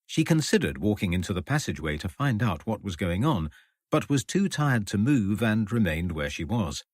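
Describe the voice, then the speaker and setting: A man narrates an audiobook in a measured, storytelling way. His voice is low and husky, with a lively rise and fall. The recording is close and dry. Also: no room sound. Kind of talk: scripted narration.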